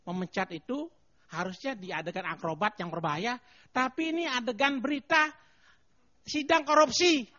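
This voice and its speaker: An older man performing a stand-up comedy routine on a TV studio stage into a handheld mic, animated and chanting mock announcements. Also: extremely high pitch, normal speed. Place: TV studio stage with live audience. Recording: dull lo-fi TV broadcast.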